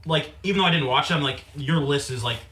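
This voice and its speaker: A man's voice: fairly high pitch, quick pace, sharp tone. A man co-hosting a podcast, tossing in joking, profane banter. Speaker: podcast co-host. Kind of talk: casual podcast chat.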